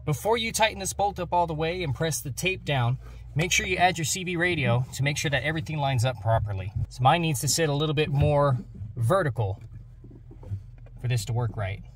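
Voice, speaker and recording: A young American man hosts a DIY car channel, giving instructional how-to narration in a fairly high, expressive voice, a little fast. Clicks and jangling come through as clear background noise.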